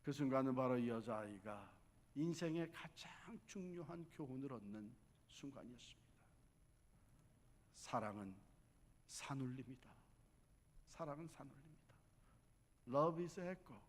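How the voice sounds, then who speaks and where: Fervent preacher in a ringing hall. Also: male voice, on the high side, a little slow, long pauses, fairly bright tone. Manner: fervent preaching, dropping in English words. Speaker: pastor. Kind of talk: revival sermon. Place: large church hall. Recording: long reverb of a large hall.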